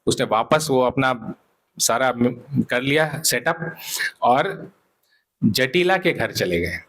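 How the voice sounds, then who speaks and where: A man preaching a devotional sermon, telling a story in an animated way, acting out dialogue and dropping in English phrases. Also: medium pitch, slow pace.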